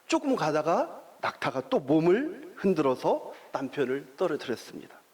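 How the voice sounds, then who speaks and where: A man preaching a sermon as pastor, telling a story with long pauses and drawn-out fillers and putting questions to the congregation. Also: fairly high pitch, big pitch swings, a little mellow.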